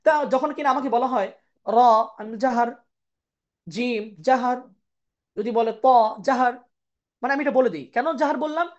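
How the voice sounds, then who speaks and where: A woman teaching an online tajweed lesson who explains patiently, keeps checking in with her students, and chants the Arabic terms slowly in pairs. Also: a little high, lo-fi sound. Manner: explains patiently, checks in with "ঠিক আছে?" and "কেমন?". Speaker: Quran recitation teacher.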